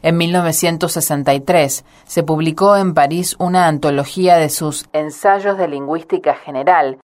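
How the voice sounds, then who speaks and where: Low-voiced woman reading a narration. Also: moderate pace. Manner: even, informative reading. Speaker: voice-over narrator. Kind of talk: scripted narration.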